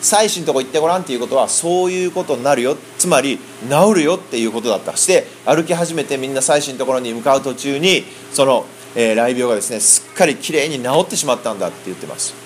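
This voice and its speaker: Brisk, animated man. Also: medium pitch, slight background noise. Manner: animated, acts out quoted voices. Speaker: interpreter for a preacher. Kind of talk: interpreting a sermon in lively colloquial speech.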